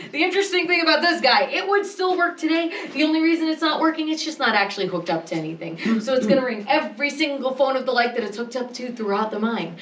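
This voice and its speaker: A woman's voice: sits high, a bit bright, slight background noise. A woman working as a tour guide, explaining things in a chatty, joking way as she leads a group through an underground mine, picked up by a visitor's camera at changing distances. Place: underground coal mine tunnel.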